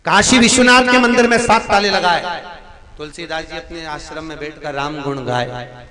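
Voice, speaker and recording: A man from India telling a devotional story as a sermon, animated and emphatic, often laughing as he speaks. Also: fairly high pitch, moderate pace, crowd noise.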